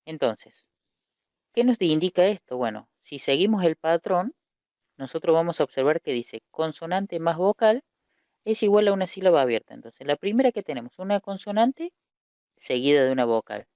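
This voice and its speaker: Male teacher, smooth voice, patient explanatory lesson, dry slightly dull recording. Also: a little high, animated, moderate pace, a little mellow, dry recording. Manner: patient, explanatory, poses questions then answers them.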